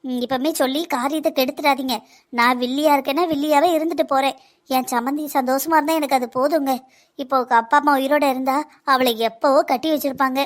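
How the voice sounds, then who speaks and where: A woman plays a patient wife in a cartoon who speaks in a high, slow, even way with a southern Tamil accent. She calmly talks her husband round. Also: natural voice. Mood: reassuring. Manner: slow, calm, persuasive. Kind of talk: cartoon dialogue.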